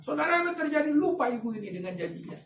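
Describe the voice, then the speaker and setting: A man preaching a sermon as a pastor, telling a story with lively swings between soft asides and loud emphatic bursts. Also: extremely high pitch, fast talker, a little hiss or hum. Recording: echoey room, voice from a distance, faint ambience.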